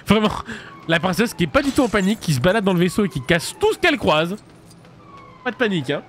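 Lively high-voiced male game streamer. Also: a little hiss or hum. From France. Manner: animated, chatty, laughs often, reacts loudly. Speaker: streamer playing a video game. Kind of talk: casual live gameplay commentary.

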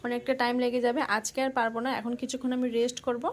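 High-voiced young woman chatting in a vlog. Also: little pitch movement, racing, slight background noise. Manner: chatty, walks viewers through household chores. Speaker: lifestyle vlogger. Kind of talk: casual vlog narration to camera.

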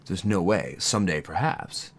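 Casting: American male podcast co-host, low voice, earnest casual debater. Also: lively intonation, moderate pace. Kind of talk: casual conversational chat.

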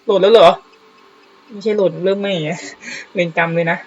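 A man giving casual let's-play commentary on a naval battle game, excitable, swearing casually and exclaiming often. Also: high-pitched, fairly quick, lo-fi sound, a little hiss or hum.

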